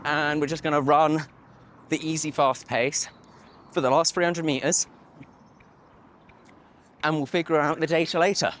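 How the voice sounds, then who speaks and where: A man's voice: a little high, fairly even intonation, normal speed, long pauses, a bit bright, a little hiss or hum. British man vlogging while running. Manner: talking while running, exerted. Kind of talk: casual chatty running vlog.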